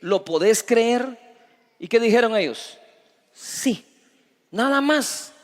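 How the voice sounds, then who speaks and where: A male pastor preaching a sermon with emphatic delivery that swings between loud and hushed. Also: very high-pitched, lively intonation, takes it slowly. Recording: long reverb of a large hall.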